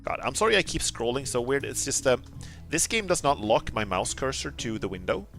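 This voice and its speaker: A man doing casual live gameplay commentary in an excitable, rambling, jokey way. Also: mid-range voice, brisk. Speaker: game streamer. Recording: game music behind the voice. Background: video game music.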